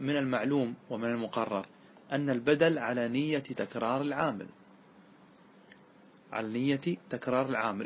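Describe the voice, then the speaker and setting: A man's voice: medium pitch, slight background noise. A man teaching a classical grammar lesson as sheikh, who keeps asking his class questions, answers them himself and patiently repeats each rule.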